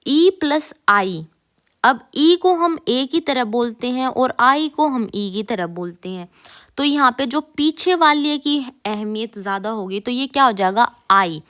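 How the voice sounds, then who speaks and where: Brief: female teacher, unhurried, slightly high voice, repeats sounds for learners. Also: lively intonation, a bit bright. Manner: repeats each sound slowly and clearly for learners. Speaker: German teacher. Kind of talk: casual spoken lesson.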